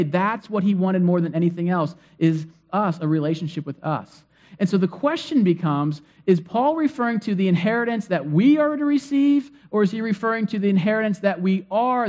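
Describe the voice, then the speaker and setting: Guy giving a sermon, high voice, chatty with lots of you-knows and restarts. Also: a little mellow. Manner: conversational, many fillers and restarts. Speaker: pastor.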